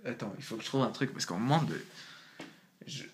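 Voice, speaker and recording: A man talks through a casual home-made tutorial at a middle pitch. His speech is slangy and loose, and he works things out aloud as he goes. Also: normal speed. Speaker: amateur rapper explaining rhyme.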